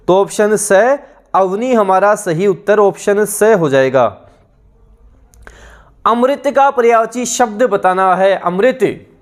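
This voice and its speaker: A man teaching an exam-prep lesson with a Rajasthani accent, repeating answers and word lists in a steady drilling rhythm. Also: high-pitched.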